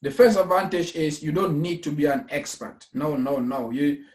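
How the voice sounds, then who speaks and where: An echoey room carries the voice of a man in his thirties from Cameroon, a founder of an investment company, speaking at normal speed with a high-leaning pitch. In this casual pitch he earnestly discusses investing and pensions, restating points with preacher-like force.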